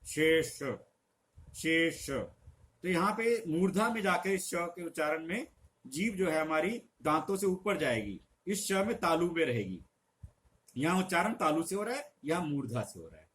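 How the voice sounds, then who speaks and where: A middle-aged man teaching a lesson, patiently explaining and slowly drawing out example sounds for emphasis. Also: a little high, fairly bright tone, a little hiss or hum. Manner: patient, instructive. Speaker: Hindi teacher.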